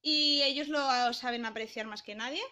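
A young woman vlogs from her small apartment, chatting cheerfully and walking the viewer through her kitchen. Her voice sits high and bright. She holds the camera at arm's length, so the sound is close and informal. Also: moderate pace. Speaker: vlogger. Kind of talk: casual vlog chat to camera. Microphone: handheld camera at arm's length.

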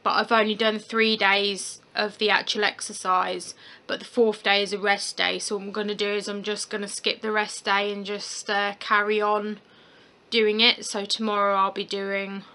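A woman's voice: medium pitch, little pitch movement, moderate pace, sharp tone. A young woman, chatting casually to her camera at home, rambling with lots of "like" and "um" fillers. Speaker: vlogger. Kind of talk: casual chat. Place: home, indoors.

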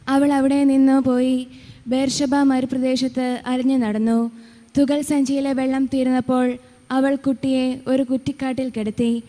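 Woman lector reading at mass, high mellow voice, long church echo. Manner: steady measured reading. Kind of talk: liturgical scripture reading. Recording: reverberant church hall.

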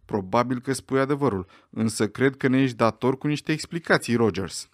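A man reading an audiobook voices a stern elderly judge who questions people with measured authority. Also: medium pitch, very animated, dry recording, clean studio sound, natural voice.

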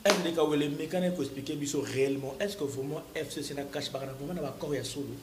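Fast-talking interviewer man. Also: on the high side, reverberant, very noisy. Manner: quick questioning, affirms with voilà. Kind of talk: street interview questions.

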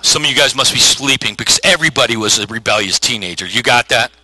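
Animated man preaching, bright and dry. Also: medium pitch, fast, dry recording, low-quality recording. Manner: animated storytelling with voiced characters. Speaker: pastor. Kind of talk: sermon.

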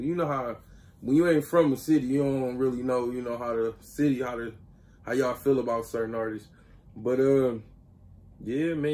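A young man hosting a reaction video, talking casually in slang, excitable and often checking in with his listeners. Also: mid-range voice, vocal fry. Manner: slangy, excitable, keeps asking "you feel me".

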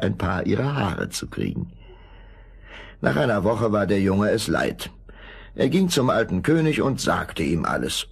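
A man narrating a fairy tale in an expressive storytelling style. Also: on the low side, vocal fry, husky.

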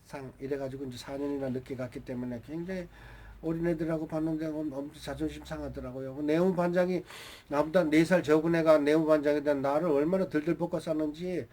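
A man's voice: fairly high pitch, steady tone, fast, mellow. A man in his seventies telling old stories in a casual monologue, chatting directly to his viewers and drifting into rambling asides. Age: 70s. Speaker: YouTube storyteller.

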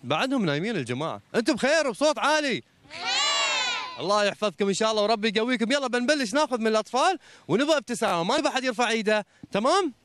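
A man's voice: high-pitched, racing, slight background noise. A man hosting a TV show, giving a short religious talk and then chatting playfully with children in a mosque courtyard. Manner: lively, teasing, chatty with children. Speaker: TV show host. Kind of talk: religious talk and quiz with audience.

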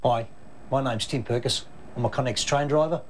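A middle-aged Australian train driver talking casually from his cab, halting now and then with fillers. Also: medium pitch, a little hiss or hum. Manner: plain-spoken, halting with fillers. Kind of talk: casual documentary interview.

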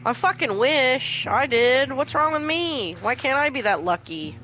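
A woman's voice: high-pitched, expressive, a little slow, sharp tone, poor audio. A woman chatting casually while streaming a game, talkative and profane, ranting about small annoyances. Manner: chatty, swears freely, ranting complaints. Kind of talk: casual chat while gaming.

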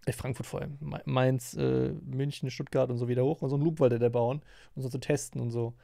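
Gravelly-voiced male streamer, dry sound. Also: medium pitch, fairly even intonation, dark tone, no room sound. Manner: rambling, filler-heavy, quick to react. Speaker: streamer reacting to a video. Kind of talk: casual reaction commentary.

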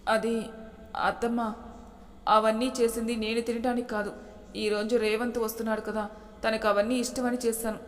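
A woman voicing a timid young daughter-in-law who explains herself softly, in a storybook reading with a long hall reverb. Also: on the high side, level tone, normal speed, long pauses, close to an everyday voice. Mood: tearful pleading.

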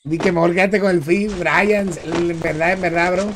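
A man's voice: high voice, steady tone, normal speed, very noisy. Chatty young streamer guy. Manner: chatty, joking, reads and answers viewers. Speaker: game streamer. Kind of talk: casual live-stream chat while playing.

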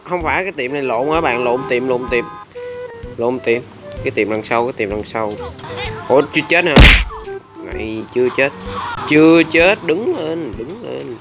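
A man talks through a game in casual commentary at a middling pitch. He is excitable, swearing and laughing as he reacts loudly to what happens on screen, with clear music playing behind him. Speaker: gaming channel host.

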